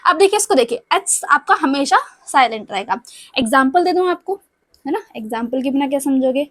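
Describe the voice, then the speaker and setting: A woman's voice: sits high, expressive, fairly quick, a bit bright, no room sound. A young woman teaching a language lesson, explaining step by step and often checking whether her students follow.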